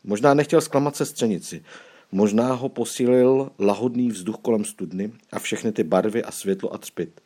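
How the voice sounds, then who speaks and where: A man narrating an audiobook chapter in an expressive, storytelling manner. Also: lowish voice.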